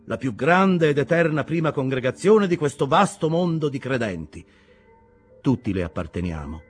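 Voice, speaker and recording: A man voicing an earnest young sailor with an eager, animated delivery. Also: mid-range voice, moderate pace, husky, soft background music, pitched above the performer's own voice.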